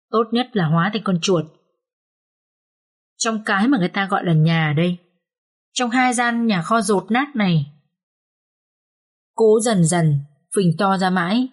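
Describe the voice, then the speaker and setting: A woman narrating an audiobook story in the first person, with a slow, sorrowful telling. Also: medium pitch, husky. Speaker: audiobook reader.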